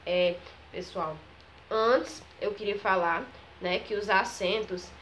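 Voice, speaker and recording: A woman, teaching a children's grammar lesson. She talks slowly, stretches out each example word, and keeps checking in with the class. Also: mid-range voice, a bit bright, slight background noise. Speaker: primary school teacher.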